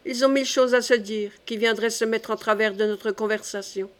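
A woman's voice: fairly high pitch, fairly even intonation, fairly quick, lightly acted. A woman reading the part of a playful, coaxing young duchess in an audiobook.

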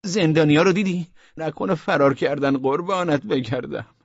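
Frantic young gendarmes yelp and whine in a rural twang, as a male audiobook reader puts them on in a raised, wildly swinging pitch. The voices are husky. It sounds like a dull, dry lo-fi audiobook recording. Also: very animated, no echo, heavily acted. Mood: panicked. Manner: frantic, whiny, dialect-tinged shouting. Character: panicked bumbling male provincial gendarmes, young adults.

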